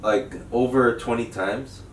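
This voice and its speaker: A podcast co-host chats casually from a home studio room, rambling, joking and laughing easily. His voice is medium in pitch with fairly even intonation and a measured pace. The room is echoey, the mic sits far off, and there's background noise.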